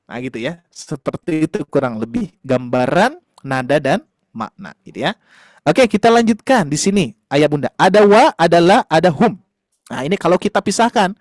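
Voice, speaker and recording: High-voiced male Quran teacher, patient. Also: no echo, clean studio sound. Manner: patient, explanatory, addresses parents warmly as "Ayah Bunda"; frequent fillers and tag questions. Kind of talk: online class lesson.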